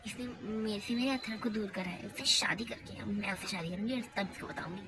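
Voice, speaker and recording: A woman's voice: medium pitch, brisk, close to an everyday voice. A woman voicing a jealous, scheming young woman who sneers and slips English phrases into her talk in a hobby doll mini-movie. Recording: noisy home recording.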